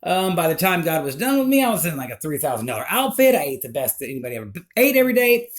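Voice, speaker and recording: A man recounting a personal life story in a rambling, emotional, animated way. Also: on the high side, rapid-fire.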